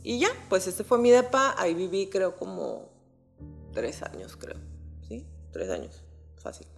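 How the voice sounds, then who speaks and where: A young woman with a Mexican accent telling a personal story on a podcast in a casual, animated way, full of slang and swearing. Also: medium pitch, measured pace, vocal fry, soft background music. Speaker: podcast host.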